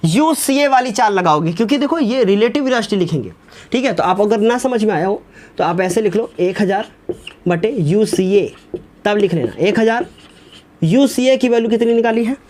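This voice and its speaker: High-voiced male tutor who talks students through each step warmly. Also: expressive, normal speed. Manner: keeps checking that students follow, repeats each step; fond, fatherly address to students. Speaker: physics teacher. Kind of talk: whiteboard lesson solving numericals.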